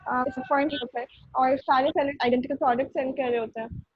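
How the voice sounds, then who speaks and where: A young woman with a high voice comes through a video call, the sound dull and lo-fi. She gives a class presentation, halting and restarting with fillers as she goes. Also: fairly even intonation, a little hiss or hum. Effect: heard over an internet video call. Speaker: student presenting in an online class. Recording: lo-fi call audio.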